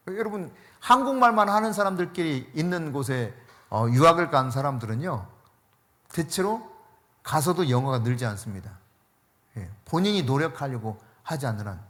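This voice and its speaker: A man's voice: on the high side, a bit bright. A male pastor preaching a sermon in a conversational way, stressing points by repeating key words. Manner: conversational, mixes casual and polite speech.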